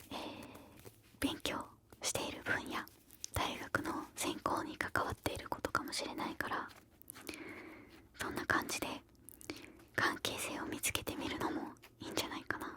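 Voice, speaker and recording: A woman speaks entirely in a soft ASMR whisper, close to the ear. The whisper is breathy and crisp with a bright edge. She sounds gentle and encouraging as she answers listener questions. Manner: encouraging, gentle advice-giving.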